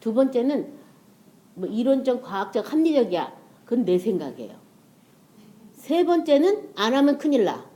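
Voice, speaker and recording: A woman's voice: a little high, very animated, moderate pace, long pauses, dark tone. A woman preacher giving a casual, conversational sermon and acting out prayers and inner voices.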